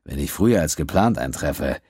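A smug, menacing space pirate, as a man reads him in an audiobook. The voice stays deep and unhurried, with a calm, mocking growl under it. The sound is dry and right up close. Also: breathy edge, dry recording, exaggerated voice. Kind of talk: audiobook character voice.

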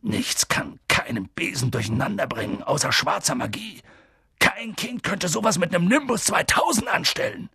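A man voicing a big, gruff male gamekeeper who mutters low and worried. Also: animated, moderate pace, bright, forceful tone, dry recording, studio quality, exaggerated voice. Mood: shaken.

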